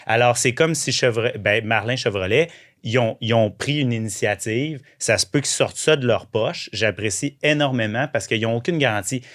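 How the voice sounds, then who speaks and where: A man's voice: medium pitch, moderate pace. A man with a Québécois French accent, a guest recounting events animatedly in an interview. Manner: animated storytelling with restarts. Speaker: guest, vehicle owner. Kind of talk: casual interview chat.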